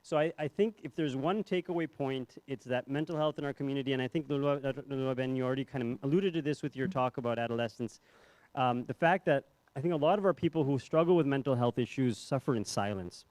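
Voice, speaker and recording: A man's voice: medium pitch, fast talker, darkish tone, no echo. A young man, a psychiatrist, giving a conference talk in a ballroom with a handheld mic, conversational and self-deprecating, with many fillers and restarts. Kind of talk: conference presentation. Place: hotel ballroom.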